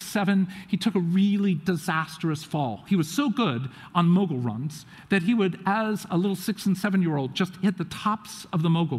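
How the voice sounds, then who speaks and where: A man telling a family story to an audience, acting out what others said in lively quoted voices. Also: high-pitched. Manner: animated, acts out quotes of others. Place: auditorium. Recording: long hall reverb.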